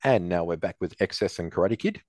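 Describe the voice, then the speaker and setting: A man hosting a podcast, recapping a cartoon episode in lively storytelling. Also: low voice, a little fast, dry recording. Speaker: podcast host.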